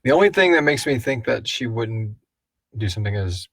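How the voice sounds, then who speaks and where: Brisk and very animated, a podcast host with a mid-range, slightly breathy voice fields listener questions during a casual live chat, working through his answers as he speaks. The man created the show, and there's no echo on the audio.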